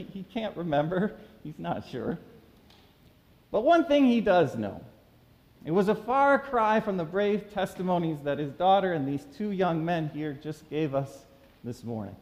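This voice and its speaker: Pastor guy preaching, fairly high voice, lively and emphatic, long church echo around him. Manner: animated preaching, reads scripture then tells a story. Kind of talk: sermon. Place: church sanctuary.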